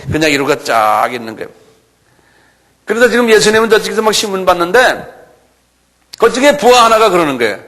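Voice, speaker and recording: A middle-aged male pastor delivers a sermon with a bright, ringing tone. He swings through a wide range, bursting into loud, high acted-out quotes before dropping back low and quiet. He keeps checking in with his listeners, asking "예?". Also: big pitch swings, brisk, pauses often. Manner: acts out quoted voices, shouting and pleading; asks the audience "예?" often.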